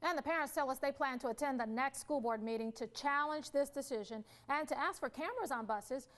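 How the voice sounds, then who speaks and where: A woman anchoring a local evening newscast with smooth scripted delivery. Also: sits high, a little fast, a bit bright. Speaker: news anchor.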